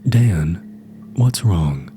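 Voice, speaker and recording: A man voicing a young man who has turned cold and menacing toward his old friend, speaking flatly and sharply in a horror story. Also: lowish voice, a little slow, a little hiss or hum, pitched above the performer's own voice, natural voice.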